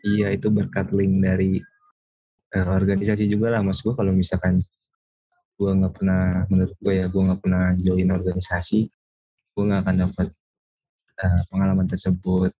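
A young man speaks. His voice is very low, dark and husky, and it stays flat as he tells stories in casual podcast chat, stopping and restarting. The sound is dry and slightly muffled. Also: no echo. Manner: storytelling with halting restarts.

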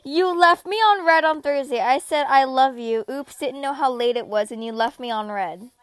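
A woman's voice: high voice, normal speed, clear, resonant tone, no room sound. A woman hosting a casual podcast chat with friends, teasing and laughing often. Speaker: podcast host.

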